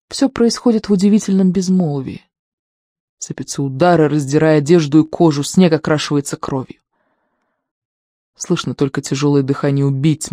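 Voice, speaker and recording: An audiobook narrator reading scripted prose in a steady, measured way. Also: medium pitch, no room sound, studio quality.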